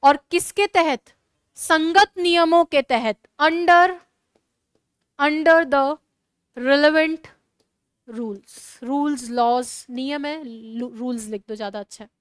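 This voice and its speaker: Brisk high-voiced woman teaching a class. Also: no echo. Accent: Rajasthani Hindi. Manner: brisk, scolding, urges students to write fast. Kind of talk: classroom lecture.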